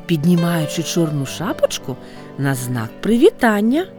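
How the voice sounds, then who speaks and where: A woman narrating a storybook tale in an expressive way, with sweeping pitch. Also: normal speed, over music. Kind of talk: storybook reading.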